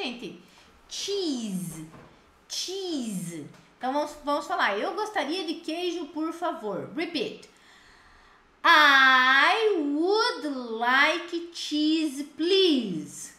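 Brazilian lady teaching english, high bright voice, says each word super slow, echoey room. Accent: Brazilian Portuguese. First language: Portuguese. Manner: slow drilled repetition of words for learners. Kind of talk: live online English lesson.

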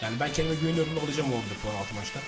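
A man hosting a gaming channel, loudly commentating his own football match and swearing at it. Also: medium pitch, rapid-fire, over loud music. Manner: swears loudly and shouts at the game. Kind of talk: live gameplay commentary.

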